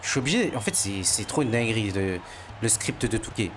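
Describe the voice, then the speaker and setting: A man's voice: lowish voice, sing-song, fairly quick, a little hiss or hum. A young man, a gaming streamer, commentating his basketball game in casual, boastful, slangy trash talk aimed at his viewers.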